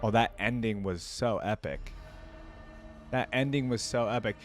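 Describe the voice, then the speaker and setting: A man hosting a video gives casual, informal reaction commentary, thinking aloud with plenty of filler words. His voice is on the low side and unhurried, with music playing behind it.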